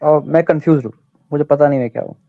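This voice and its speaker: Over a dull, dry, lo-fi call line, a male caller from India asks a debate question. His voice is fairly high and steady, and he talks fast, arguing earnestly but halting as he hunts for words.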